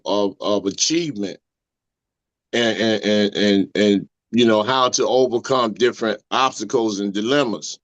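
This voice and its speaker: A man co-hosting a podcast who speaks haltingly and repeats his words. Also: lowish voice, no room sound. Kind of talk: casual podcast conversation. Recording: dry, dull lo-fi audio.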